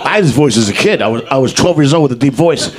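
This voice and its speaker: A middle-aged New Yorker with a matching accent works the crowd as a stand-up comedian, holding a mic on a club stage. His mid-range voice is expressive and quick, and his banter is brash, profane and mocking. A roaring crowd and loud room noise fill the recording.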